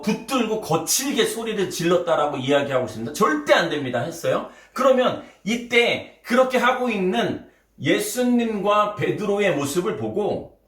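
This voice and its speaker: Man, pastor, lively dramatic sermon, roomy sound from a distant mic. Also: sits high. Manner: dramatic, acts out Bible figures' voices. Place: church sanctuary.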